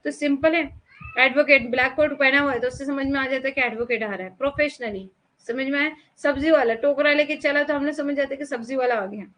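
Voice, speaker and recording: A woman's voice: high-pitched, a little fast, a bit bright, rough recording. A young woman teacher giving a chatty exam-prep lecture, mixing English terms into her explanations and asking her students questions.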